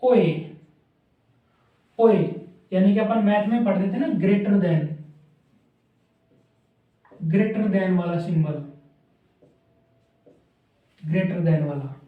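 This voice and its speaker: High-voiced man teaching in an echoey room. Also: very slow, pauses often. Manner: repeats sounds aloud while drawing strokes. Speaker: shorthand teacher. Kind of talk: classroom lesson. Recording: echoey room from a distant mic, dull.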